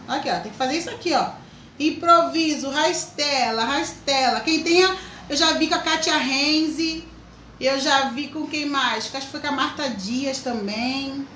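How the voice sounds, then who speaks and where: Female craft host, high and bright, chatty, in an echoey room. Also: a little hiss or hum. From Brazil. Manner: chatty, greets viewers by name. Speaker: craft teacher, live stream host. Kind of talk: live craft tutorial.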